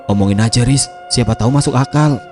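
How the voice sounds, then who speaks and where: A man's voice: mid-range voice, fast talker, warm tone, soft background music, pitched above the performer's own voice, close to an everyday voice. A man voicing a curious young male boarding-school student who asks eager questions.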